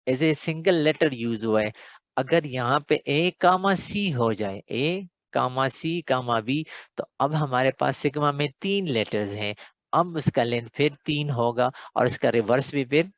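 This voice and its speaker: Male lecturer, unhurried and repetitive, dull dry recording. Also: medium pitch, animated, dry recording. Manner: patient, repeats points with frequent check-ins. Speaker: teacher. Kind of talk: recorded lecture explaining worked examples.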